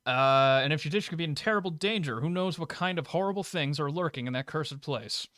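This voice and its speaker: A frantic villager parent from a video game, begging for help, as a man reads the lines in a lifted voice. The pitch sits well above a normal speaking voice. Every word strains with worry. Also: fairly quick, a bit bright, dry recording, clean studio sound, close to an everyday voice. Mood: pleading. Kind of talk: reading game dialogue aloud in voices.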